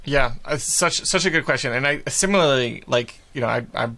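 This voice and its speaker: A man's voice: medium pitch, expressive, brisk, creaky, pushed and bright. A man in his forties, a podcast guest, explaining ideas in a thoughtful, searching way. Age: 40s. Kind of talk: casual conversational interview.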